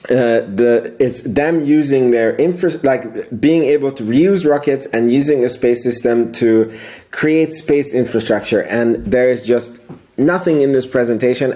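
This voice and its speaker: This man hosts a casual recap of financial commentary as an amateur investor. His mellow, medium-pitched voice rambles while he thinks aloud, repeating words for emphasis.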